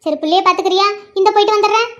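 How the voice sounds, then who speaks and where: Squeaky fast old granny, bossy and brisk, a lady putting her on for a homemade cartoon. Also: a bit bright, dull audio. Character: elderly grandmother, brisk and bossy. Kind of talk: hobby cartoon voice acting.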